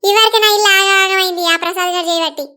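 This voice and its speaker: A woman's voice: very high-pitched, fairly even intonation, rapid-fire, bright, forceful tone. A woman voicing a bossy village mother-in-law who scolds and gives orders. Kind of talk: cartoon voice acting.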